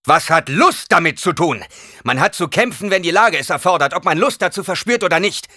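A man voicing a stern, gruff male weapons master who scolds in a raised, forceful voice for a storybook reading. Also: on the low side, expressive, a little fast, dry recording, clean studio sound. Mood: stern, scolding.

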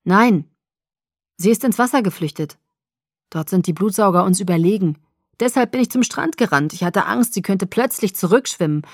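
A woman's voice: mid-range voice, expressive, normal speed, no room sound, studio quality. A woman voicing a strong, protective young man who speaks urgently and pleadingly. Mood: worried.

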